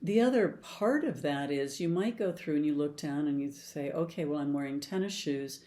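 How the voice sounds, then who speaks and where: Mellow-voiced older woman explaining. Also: low-pitched, normal speed. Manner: conversational, storytelling with client anecdotes. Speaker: past life regression therapist. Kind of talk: explanatory talk.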